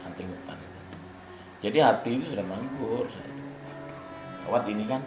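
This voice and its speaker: An older man telling a story in casual spoken style, animated and rising to loud bursts at tense moments, with a gravelly voice. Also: fairly low pitch, brisk, music in the background. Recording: roomy room with clear background ambience.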